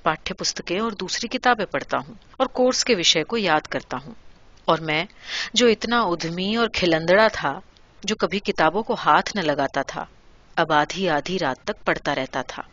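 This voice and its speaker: A woman reading a literary story aloud in a measured, quiet way. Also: fairly low pitch, no room sound, muffled recording.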